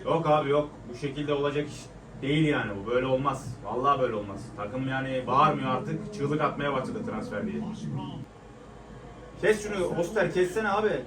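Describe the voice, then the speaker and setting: A man's voice: medium pitch, brisk, a crowd in the background. Fuming man reacting to a live match. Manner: frustrated, swearing, shouting at players. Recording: echoey room, mic at a distance.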